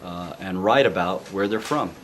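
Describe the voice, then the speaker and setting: A male middle school teacher explaining a summer program, speaking haltingly with many filler sounds. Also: low-pitched, a bit bright. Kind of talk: casual explanation to camera. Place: busy school classroom. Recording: noisy classroom with chatter behind. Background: chatter of students.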